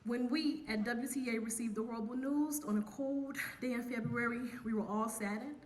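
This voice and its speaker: A woman, an academic dean, giving a formal memorial tribute in a measured, solemn manner. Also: fairly high pitch, steady tone, a little hiss or hum. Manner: measured, solemn prepared reading.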